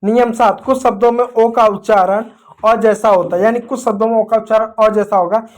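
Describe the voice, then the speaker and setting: A man's voice: sits high, steady tone, fairly quick. A man teaching an English pronunciation lesson, explaining step by step and asking the viewer questions while he writes on a board. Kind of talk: classroom lesson.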